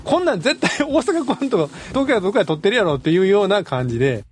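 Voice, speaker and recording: A man with a Kansai accent hosting a casual film chat, chatty and quick with backchannels. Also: high voice, sing-song, soft background music. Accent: Kansai Japanese. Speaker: podcast host.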